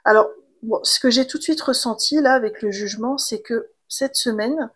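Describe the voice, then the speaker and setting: Woman, tarot reader, higher-pitched, gentle and chatty, casual guidance tone. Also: moderate pace, husky. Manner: gentle, chatty, many fillers and restarts. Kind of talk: casual spiritual card reading.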